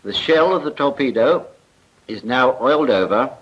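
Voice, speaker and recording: A man with a mid-range, fairly bright, husky voice and lively intonation speaks at a moderate pace. With a British accent, he gives formal, carefully scripted voice-over narration in the style of a 1940s military training film. The audio is the muffled, noisy sound of a 1940s film.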